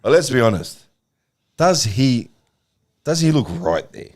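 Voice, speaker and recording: An animated man chatting about football with friends. His pitch swings widely as he argues his point, loose and casual. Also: measured pace. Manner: animated, swearing, says bro a lot. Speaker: football podcast co-host. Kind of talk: casual fan chat.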